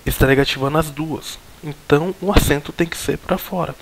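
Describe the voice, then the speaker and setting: A man's voice: fairly high pitch, a little fast, vocal fry, noisy background. Hesitant Brazilian man teaching logic. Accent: Brazilian Portuguese. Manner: hesitant, many fillers and restarts, explaining step by step. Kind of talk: recorded logic lesson.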